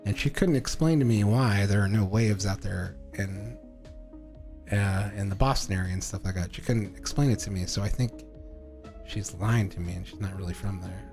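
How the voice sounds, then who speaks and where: A man co-hosting a casual podcast chat, telling stories with lots of swearing, his voice jumping high when he gets worked up. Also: normal speed, faint music behind. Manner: animated storyteller, swears freely, voice jumps high when excited. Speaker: podcast co-host.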